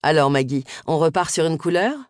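A woman voicing a confident, flattering male hairdresser in an audiobook, in a lowered, self-assured voice. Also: brisk, dry recording, studio quality, close to an everyday voice.

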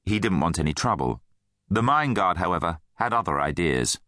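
A man narrating a children's fantasy audiobook in an expressive, animated storytelling manner. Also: low voice, moderate pace, no echo, studio quality.

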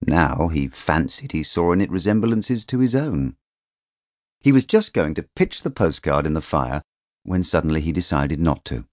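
An audiobook narrator with an extremely low voice reads literary fiction in a measured, expressive storytelling style. He's close to a studio microphone, and there's no echo.

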